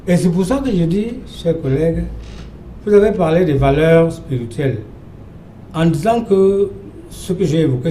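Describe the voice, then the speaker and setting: An older Cameroonian man, a guest on a televised panel debate, lectures emphatically and keeps repeating phrases. His voice is mellow and sits a little high. The studio sounds roomy and echoing, with a faint hum beneath.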